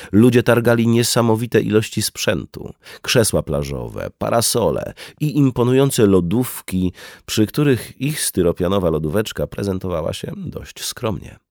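Guy narrating an audiobook, really low voice but lively, close dry sound. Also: dry recording. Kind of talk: scripted narration.

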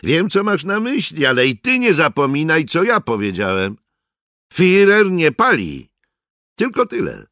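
Mężczyzna czyta, grając ironicznego, niedbałego żołnierza. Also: male voice, fairly high pitch, wildly swooping pitch, unhurried, sharp tone, no room sound, studio quality, pitched above the performer's own voice, full character voice. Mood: ironic. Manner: ironic, offhand. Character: ironic cool-headed male soldier.

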